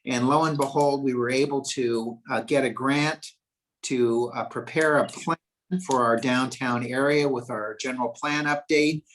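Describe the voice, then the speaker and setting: Older man, retiring staffer, modest and halting, says "uh" often. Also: mid-range voice, steady tone, fairly bright tone, slight background noise. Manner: humble, hesitant with fillers. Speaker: retiring city staff member. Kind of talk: thank-you remarks at a meeting.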